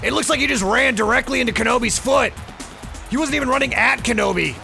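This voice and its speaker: Male boxing colour commentator, quick and gravelly, emphatic analysis over music. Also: very high voice, pushed and bright. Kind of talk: sports commentary in the manner of a boxing broadcast. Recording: music behind the voice.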